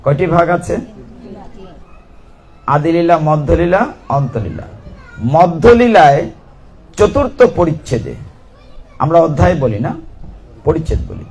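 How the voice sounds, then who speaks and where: A man with a somewhat high voice preaches a devotional sermon, telling a sacred story in an unhurried storytelling way. He stops often to ask the listeners questions and breaks into chanting. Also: sing-song, a little mellow, slightly rough. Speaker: Gita reciter and preacher. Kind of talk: devotional scripture reading and storytelling.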